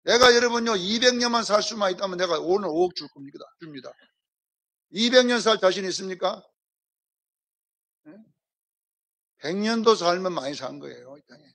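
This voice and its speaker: High, gravelly male preacher. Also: moderate pace, pauses often, sharp tone. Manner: emphatic preaching, rhetorical questions, repeated prompting of the congregation. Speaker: senior pastor. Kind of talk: sermon. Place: church service.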